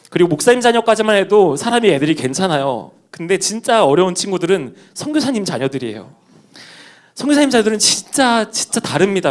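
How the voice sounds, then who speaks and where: A young man preaching a sermon, telling a personal story and speaking to the congregation. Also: fairly high pitch. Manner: personal anecdote with quoted dialogue, addresses congregation.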